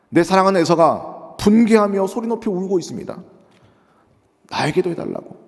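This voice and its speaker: A male pastor preaching a sermon in an animated way, moving between quiet asides and raised, emotional readings of the characters' words. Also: high voice, long reverb tail. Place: church sanctuary.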